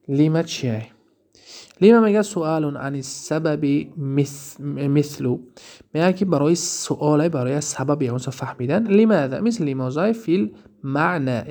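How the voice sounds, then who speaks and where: A man's voice: fairly high pitch, darkish tone. A man with a Tajik accent teaching Arabic grammar from a textbook, asking questions and answering them himself as he reads out examples. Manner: explains by asking and answering his own questions, reading Arabic examples aloud. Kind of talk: recorded lesson explaining a textbook.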